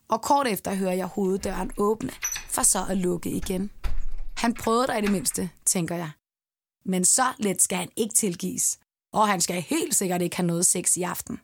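A woman's voice: medium pitch, creaky, no room sound, clean studio sound. A woman narrating a scripted first-person erotic audio story in an intimate manner, sometimes dropping to a whisper.

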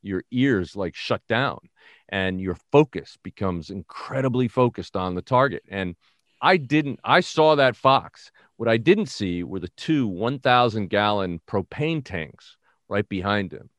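A middle-aged man from the Bronx, telling a story in an animated, self-mocking way as an interview guest. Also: on the low side, unhurried, no echo. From the Bronx, New York. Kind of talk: casual storytelling.

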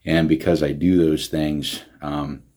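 Very deep husky man, earnest. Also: flat delivery, a little slow, warm tone. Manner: earnest, many restarts and fillers. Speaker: county veterans service director. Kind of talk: casual interview talk.

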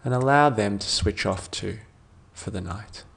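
A man narrating a guided sleep meditation in a soothing sleep-story manner, with gentle phrases that trail off softly and long pauses between them. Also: on the low side, vocal fry, breathy edge.

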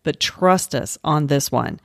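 A woman co-hosting a travel podcast, upbeat and quick to laugh as she chats about trips. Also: sits low, vocal fry, no room sound, clean studio sound. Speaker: podcast co-host, travel agent. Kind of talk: casual podcast chat.

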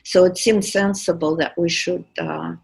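A woman in her fifties with a Russian accent tells her own story on a podcast, where she is both producer and guest. Her lowish, gravelly, darkish voice stays steady and unhurried, and she speaks candidly and wryly with many fillers.

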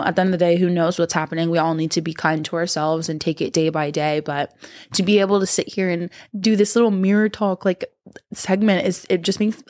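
A woman with a slightly low voice talks as if hosting her own podcast. She rambles informally, interrupts herself, and uses slang with playful affection. The sound is very dry, with no room around it. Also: darkish tone, no echo. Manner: affectionate, playful, addresses listeners as babe and baby. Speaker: podcast host. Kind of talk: casual, rambling solo podcast talk.

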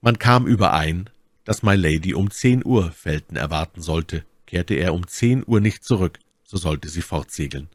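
A man narrating a classic novel as an audiobook, with an expressive, theatrical reading. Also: deep voice, normal speed, no echo, clean studio sound. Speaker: audiobook reader.

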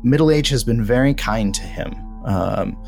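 A man narrating a tabletop horror role-play game as game master, relaxed with frequent ums. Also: mid-range voice, moderate pace, vocal fry, soft background music.

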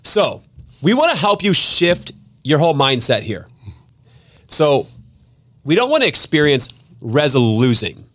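A man's voice: fairly high pitch, big pitch swings, unhurried, pauses often, a bit bright. A man hosting a podcast, chatting casually, laughing often and joking between his points. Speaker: podcast host.

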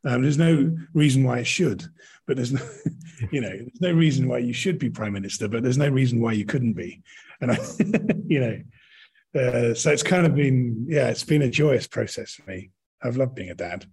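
A middle-aged British man, an actor and director appearing as a podcast guest, talks casually and reflectively, thinking aloud and often rephrasing himself. His voice is medium-pitched, a little mellow and slightly rough, and he speaks at a normal speed.

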